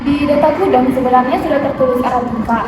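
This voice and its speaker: A cooperative young warehouse clerk played by a woman explains things carefully in a high voice. The amateur role-play is recorded from afar with long reverb. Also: quick pace, natural voice. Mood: explanatory. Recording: very echoey room, distant mic, noisy.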